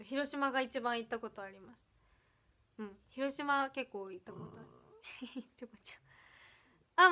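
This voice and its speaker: A young woman with an Ehime Iyo-dialect accent mixed with Kansai, chatting casually on a birthday livestream and reading out viewer comments, giggling often, with lines that trail off softly, at home. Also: high-pitched. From Ehime, Japan.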